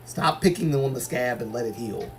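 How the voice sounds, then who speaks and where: A man from Algeria hosting a livestream, chatting casually and giving his opinions with many fillers and restarts. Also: medium pitch. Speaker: livestream host. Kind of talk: casual chat reading viewer comments.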